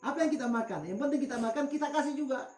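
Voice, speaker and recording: A man's voice: extremely high pitch, very fast, darkish tone, reverberant, faint music behind. Man alternating coaxing talk with prayer. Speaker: spiritual healer. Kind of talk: ritual session with prayers.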